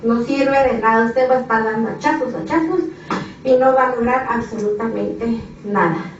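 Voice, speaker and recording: High-voiced woman preaching in an echoey church. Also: fairly even intonation, moderate pace, slight background noise. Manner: impassioned, repetitive preaching with rhetorical questions. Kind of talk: sermon. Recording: echoey dull hall recording from a distance.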